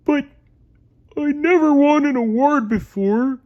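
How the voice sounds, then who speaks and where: Super high squeaky dopey starfish, whiny and loud, kinda muffled lo-fi sound. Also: male voice, slow. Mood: whiny excited. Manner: high, shouty, whining put-on voice. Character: dim, excitable male starfish, whiny and loud. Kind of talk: storybook read-aloud.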